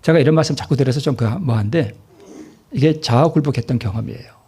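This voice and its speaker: A man's voice: mid-range voice, quick pace, warm tone, husky. A male pastor preaching a sermon, asking the congregation questions and answering them himself, and repeating key phrases for emphasis.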